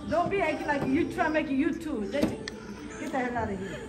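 A woman's voice: sits high, lively intonation, a little fast. A woman working as a store clerk in a shopping mall, speaking in a curt, scolding way from across the shop. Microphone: far camera. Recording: distant, echoey, loud music and crowd.

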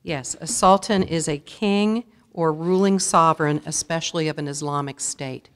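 A woman serving as a spelling bee pronouncer in a school auditorium, saying each word slowly and deliberately and reading out definitions. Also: low-pitched. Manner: slow, deliberate, repeats each word clearly.

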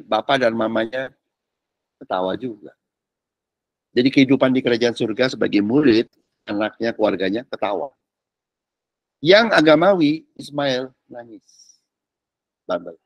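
A man's voice: mid-range voice, no echo. A middle-aged man, a pastor teaching a discipleship class in a casual sermon, dropping English words into his talk. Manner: animated, mixes in English words and slang.

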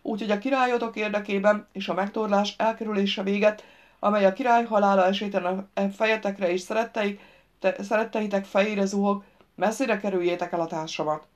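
Woman narrator as a hard male thief, loud, raised threatening orders. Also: mid-range voice, muffled recording, natural voice. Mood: threatening shout. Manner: shouted commands, threatening.

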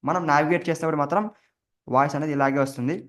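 Fast-talking male tutorial host. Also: fairly high pitch, steady tone, fairly bright tone. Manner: explains each keystroke as he goes. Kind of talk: step-by-step screen recording tutorial.

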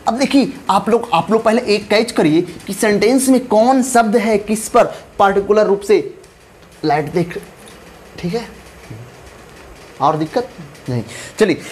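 A man's voice: high-pitched, a little slow, pauses often, a little hiss or hum. Emphatic man teaching grammar, repeating terms. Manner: emphatic, repeats key terms, drills students. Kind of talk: classroom lecture mixing Hindi and English.

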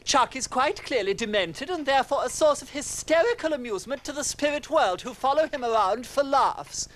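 A man's voice: very high-pitched, animated, brisk, fairly bright tone. A man voicing a fretful, pompous middle-aged cartoon neighbour. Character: nervous stuffy middle-aged neighbour, male.

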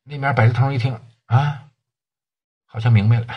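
A man's voice: mid-range voice, fairly even intonation, moderate pace, breathy edge, muffled recording. A man with a Northeastern Mandarin accent telling underworld tales in a colloquial, earthy way. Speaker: storyteller. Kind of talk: oral storytelling of underworld tales.

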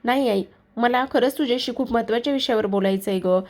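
A woman's voice: fairly high pitch, fast, darkish tone, natural voice. Woman voicing an earnest pleading young man. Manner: pleading, insistent.

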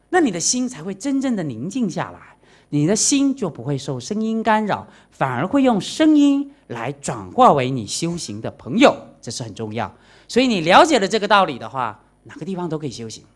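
A woman with a low voice gives a Buddhist dharma lecture. Her pitch rises and falls freely as she talks. She checks in with her listeners and acts out quoted voices as she teaches. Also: normal speed. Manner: animated, acts out quoted voices and asks the audience questions; mixes in English words. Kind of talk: dharma lecture to a live audience.

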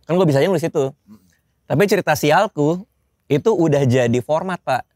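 A man's voice: fairly high pitch, fairly quick, no room sound, clean studio sound. A comedian guest telling funny stories in a casual chat, laughing as he talks. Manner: animated storyteller, laughs while telling.

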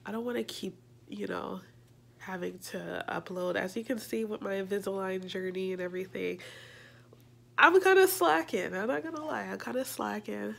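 A young woman with a fairly bright, medium-pitched voice and some vocal fry talks at a moderate pace into her phone camera, held at arm's length in a small room. The vlog is chatty and rambling, she's a bit congested, and she jokes about herself.

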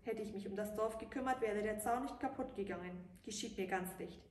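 Brief: woman reading a bossy but good-hearted gnome, brisk and direct, in a roomy space with light hiss. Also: mid-range voice, natural voice. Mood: remorseful. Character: male gnome, gruff at first but kind. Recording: roomy, distant mic, faint hiss.

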